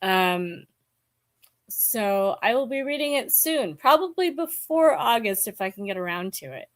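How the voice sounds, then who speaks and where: A woman in her forties chatting casually about books to camera, hesitant and musing, with many pauses and ums. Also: fairly high pitch, animated. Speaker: book vlogger. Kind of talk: casual book chat to camera.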